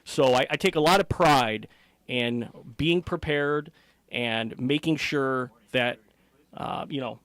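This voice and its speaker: A middle-aged man with an American accent speaks conversationally, as a ring announcer being interviewed. His voice sits at an average pitch and is recorded dry, with very little room sound. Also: takes it slowly, a bit bright, smooth, no echo.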